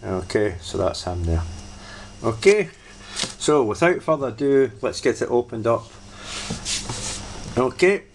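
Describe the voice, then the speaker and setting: A man's voice: mid-range voice, big pitch swings, unhurried, long pauses, a little hiss or hum. A man casually reviewing a toy, rambling and hesitant, often repeating himself as he goes.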